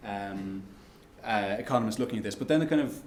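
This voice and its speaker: This man, from Ireland, responds to audience questions during an economics lecture in a halting manner, full of restarts and fillers. His voice is on the low side and a little mellow, captured in an echoey lecture room with slight background noise.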